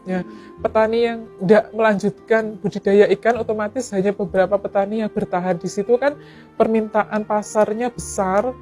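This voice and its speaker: A woman's voice: medium pitch, steady tone, normal speed, mellow, soft background music. A middle-aged woman with an East Javanese accent, a fish farmer and teacher telling her personal story to an interviewer, earnest and often giving thanks to God.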